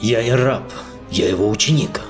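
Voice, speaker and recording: A man's voice: medium pitch, normal speed, faint music behind, pitched above the performer's own voice, natural voice. A man voicing a stern, devoted male disciple in an audiobook, grave and resentful. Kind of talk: audiobook character voice.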